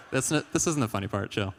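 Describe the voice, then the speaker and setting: A young man performing a stand-up comedy set on stage, deadpan and chuckling at his own jokes. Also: on the low side, slight background noise. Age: young adult. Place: stage in a large hall. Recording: live hall with long reverb.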